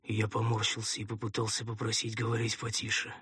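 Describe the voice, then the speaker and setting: A man narrating a fantasy audiobook in the first person with a measured, dramatic reading. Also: on the low side, monotone, fairly bright tone, husky, no echo, clean studio sound.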